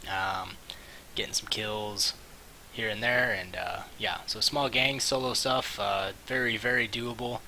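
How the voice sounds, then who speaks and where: A man giving casual, rambling and halting commentary on a game stream, with mouse clicking behind him. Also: on the low side, steady tone, sharp tone, poor audio. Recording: hissy mic, faint background noise.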